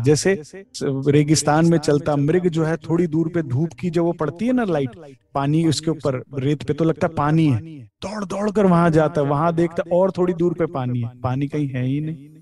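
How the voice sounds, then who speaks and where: Male spiritual speaker, mellow tone, explains scripture and laughs lightly, faint music underneath. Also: fairly high pitch, normal speed. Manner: explains scripture, quotes verses, chuckles often. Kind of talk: devotional discourse.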